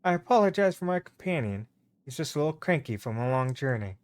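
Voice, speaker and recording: Man doing a courteous young bard lady, eager, bright, polite. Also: a little high, big pitch swings, fast talker, clear, resonant tone. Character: polite female bard, cheerful pacifist.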